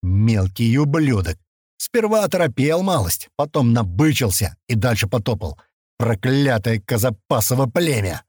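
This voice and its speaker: A man voicing a large imperial guard chief who hides hatred behind slow, forced courtesy, in an audiobook. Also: medium pitch, very animated, a little mellow, slightly rough, no echo, studio quality. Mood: spiteful.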